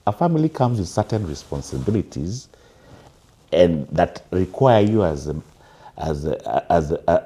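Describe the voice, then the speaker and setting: A man's voice: deep voice, dark tone. A man, a guest in a casual panel chat, telling reflective stories with fillers.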